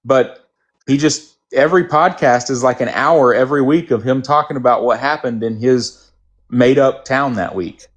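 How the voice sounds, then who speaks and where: Man, mild Texan accent, rambling storyteller, mid-pitched voice, casual chat. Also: moderate pace. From Texas.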